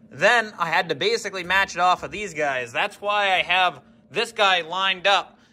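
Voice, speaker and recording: A young man gives an easygoing tour of his garage build in a casual how-to workshop vlog, talking straight to viewers and joking about his own mistakes. His voice is high with a sharp tone. It's filmed in a large indoor workshop garage on a handheld or body-worn action camera.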